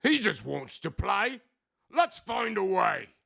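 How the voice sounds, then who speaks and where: Storybook young shark: boisterous, very gravelly, high-pitched, big drawn-out exclamations. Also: male voice, wildly swooping pitch, sharp tone, exaggerated voice. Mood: friendly. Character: young male shark, boisterous, over-excited, friendly schoolkid. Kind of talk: children's storybook read aloud.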